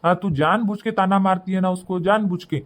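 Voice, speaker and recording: A man's voice: sits high, steady tone, a little fast, lightly acted. A man voicing a harried young husband in a cartoon, pleading and placating between his wife and mother. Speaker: son and husband.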